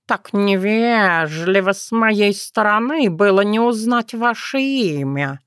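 A woman voicing a slow, courtly talking cat. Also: medium pitch, lively intonation, clean tone, no room sound, clean studio sound, voice pushed up. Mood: stately. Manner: slow, ceremonious, purring.

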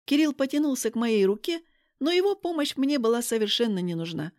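A woman narrating a first-person romance audiobook in a lively, expressive way. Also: fairly high pitch, a little fast, no echo, clean studio sound.

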